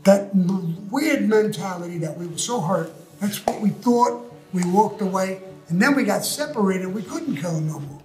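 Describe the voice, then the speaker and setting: A man's voice: high-pitched, animated, normal speed. An older man, telling his story bluntly and profanely in a recorded interview. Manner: blunt, profane, tough-talking. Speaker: interview guest. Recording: roomy echo with faint music.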